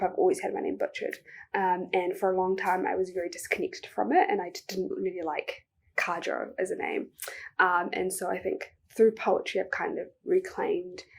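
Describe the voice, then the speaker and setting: A young woman with a New Zealand accent answering interview questions as a poet, speaking in a soft, reflective way with many ums. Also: medium pitch, vocal fry, husky. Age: young adult.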